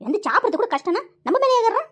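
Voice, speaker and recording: Lady voicing a nagging cartoon mom, very high and super fast. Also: lively intonation. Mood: scolding. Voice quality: shrill, fast scolding. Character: scolding middle-aged village mother. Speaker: cartoon voice actor.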